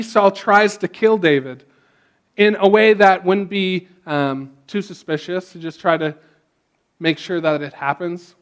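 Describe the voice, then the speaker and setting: A male pastor retelling a story in a casual sermon, with frequent restarts and a relaxed way of talking. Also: sits high.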